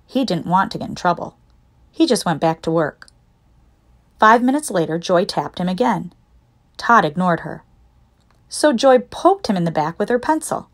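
A woman's voice: on the low side, lively intonation, normal speed, pauses often. Woman reading a children's book aloud. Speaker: audiobook narrator.

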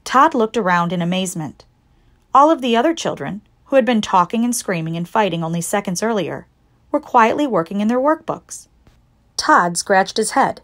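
A woman narrating a children's storybook in a lively, expressive reading voice. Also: mid-range voice, moderate pace. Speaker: audiobook narrator.

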